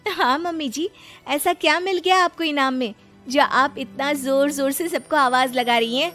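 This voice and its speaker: A woman narrates an animated family story in a high, gentle voice, coaxing in the daughter-in-law's lines. Soft music plays under her. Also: normal speed. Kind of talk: scripted cartoon narration.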